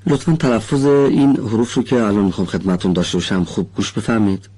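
A man teaching pronunciation in a studio lesson, polite and formal, patiently explaining and slowly stretching out syllables as he demonstrates. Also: fairly low pitch, steady tone, warm tone, husky. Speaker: Quran recitation teacher.

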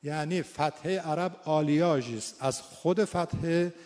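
A man's voice: on the high side, darkish tone, big-room sound. A Persian-speaking man giving an informal lecture on vowel sounds, stretching out sample sounds as he demonstrates them. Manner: demonstrates vowel sounds aloud, slow and drawn out. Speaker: teacher of Quran recitation and phonetics.

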